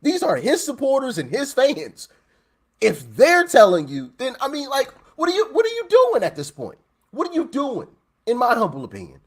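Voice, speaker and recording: A man's voice: very high-pitched, wildly swooping pitch, normal speed. A man hosting a casual vlog, talking animatedly and laughing between points while he reacts to clips. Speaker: vlog host. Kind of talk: casual commentary.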